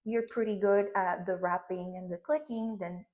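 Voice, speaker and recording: This hairstyling demonstration comes from a Puerto Rican woman in her thirties who speaks Spanish and has a Puerto Rican accent, instructing hands-on and often checking in with "okay?". Her medium-pitched voice is a little mellow, with fairly even intonation and a moderate pace.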